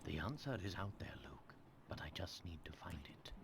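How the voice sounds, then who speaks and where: An actor playing a calm, courteous middle-aged gentleman professor in an animated mystery game, speaking in a measured, thoughtful, polite way. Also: low-pitched, gravelly, noisy background, exaggerated voice.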